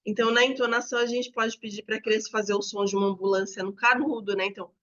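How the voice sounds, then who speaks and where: A woman's voice: mid-range voice, fairly even intonation, fast, fairly bright tone, dull audio. A woman educator, explaining to teachers and demonstrating examples aloud.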